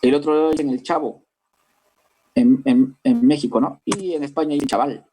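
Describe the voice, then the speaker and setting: Through a rough recording with a bit of hiss or hum, a Peruvian man from Lima lectures a language class, his accent clearly Limeño Spanish. His medium-pitched, dark voice keeps fairly even intonation at a moderate pace as he explains each step and repeatedly checks in with listeners.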